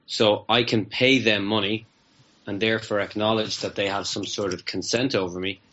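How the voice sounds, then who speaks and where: A man's voice: fairly low pitch, normal speed. Man telling a story, muffled. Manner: animated, acts out both sides of dialogues. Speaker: guest. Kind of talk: casual anecdotal storytelling. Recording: muffled lo-fi audio.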